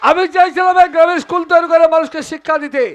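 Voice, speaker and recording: Hero role for a man: a wronged young man out of jail, fast, high, declamatory accuser in a folk stage play. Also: fairly even intonation, soft background music. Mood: accusing.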